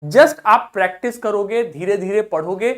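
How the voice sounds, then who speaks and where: Man, English teacher, video lesson, asks and answers his own questions, repeats words slowly. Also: sits high. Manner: quizzes listeners and answers himself, repeating example words slowly.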